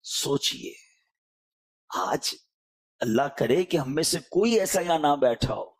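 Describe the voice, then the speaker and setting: A man preaching with a Pakistani Urdu accent, his voice higher than most men's and rising and falling a lot. He pleads and exhorts, jumping from loud appeals to hushed, soft lines. It is an emotional sermon delivery. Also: expressive, breathy edge.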